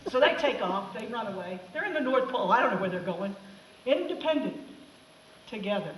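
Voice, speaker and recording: A woman teacher giving a sarcastic, animated comic talk to students about a film. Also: mid-range voice, fast, background noise. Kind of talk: comic classroom talk over film clips. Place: classroom. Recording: echoey room, mic far off.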